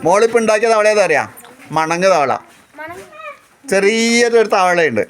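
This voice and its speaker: A teacher with a mid-range voice and lively intonation, talking at a normal pace, quizzes a group of children during a school outing and repeats questions to get them answering. They're outside at a house, and children's chatter carries behind.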